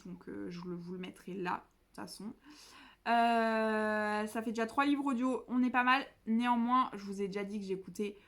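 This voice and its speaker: A woman's voice: mid-range voice, moderate pace, fairly bright tone. A young woman chatting casually as a book vlogger, self-mocking and rambling, with many fillers and restarts. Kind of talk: casual chat.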